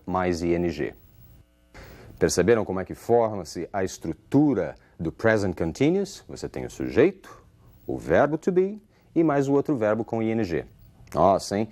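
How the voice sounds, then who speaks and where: Brazilian man teaching English, lively pitch. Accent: Brazilian Portuguese. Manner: explains slowly and patiently, reads English examples aloud with lifted intonation. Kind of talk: recorded English lesson explained in Portuguese.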